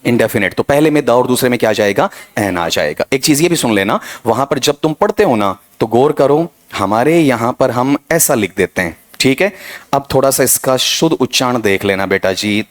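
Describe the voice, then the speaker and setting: A man's voice: medium pitch, animated, moderate pace. A man teaching an English grammar lesson, quizzing his students and drilling pronunciation. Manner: drilling, questioning students, calls them beta ji. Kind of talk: exam coaching lesson.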